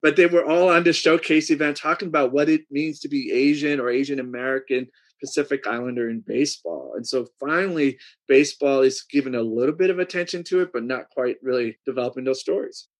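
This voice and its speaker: Male panelist, mid pitch, thinks aloud with lots of uhs. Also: fairly quick. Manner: hesitant, searches for names with fillers.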